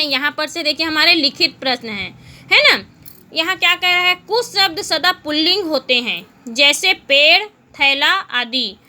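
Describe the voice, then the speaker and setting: Bright high-voiced woman teaching children. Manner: patient, asks the children questions and answers them herself; repeats words slowly for pronunciation. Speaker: school teacher. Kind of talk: Hindi lesson for children.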